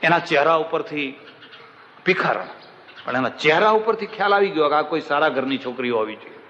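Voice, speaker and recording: A man's voice: fairly high pitch, animated, brisk, pushed and bright. A man giving a devotional sermon with storytelling, emphatic and repeating phrases for effect, in a large hall. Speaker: religious discourse speaker. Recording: reverberant dull hall recording, faint hiss.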